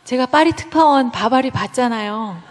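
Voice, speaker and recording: A middle-aged woman, a church elder, giving a testimony with lively storytelling, acting out the voices she quotes. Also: fairly high pitch, normal speed, slight background noise. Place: church sanctuary. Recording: long reverb of a church hall.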